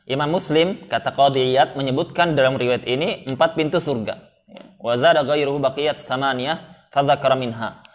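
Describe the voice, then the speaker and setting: A man preaching a religious study lecture in a medium-pitched voice. He recites Arabic passages, explains them, and keeps checking in with the audience with questions and a repeated "ya". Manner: frequent affirming "ya", quotes Arabic then explains. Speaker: Islamic preacher.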